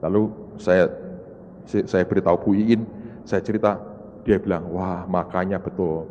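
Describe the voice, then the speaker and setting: A man's voice: fairly even intonation, measured pace, a little mellow, highs cut off. A man from Indonesia, preaching a dramatic sermon and acting out the people in his story. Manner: dramatic storytelling, voicing others in rising high-pitched outbursts and repetitions. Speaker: pastor. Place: large church. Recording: long reverb of a large church hall.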